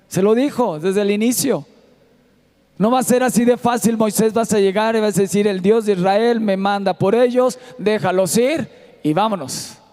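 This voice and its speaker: A man's voice: high-pitched, moderate pace, a little mellow. A man preaching a sermon in a church auditorium with a Mexican Spanish accent, sometimes half-singing his lines. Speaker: pastor.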